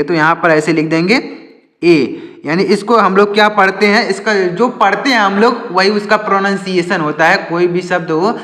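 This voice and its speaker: A man with a high voice gives a slow, patient lesson, asking a question and then answering it himself. The sound is roomy, with a long reverb trailing each phrase. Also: pushed and bright. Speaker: English teacher. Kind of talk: step-by-step lesson. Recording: echoey room with long reverb.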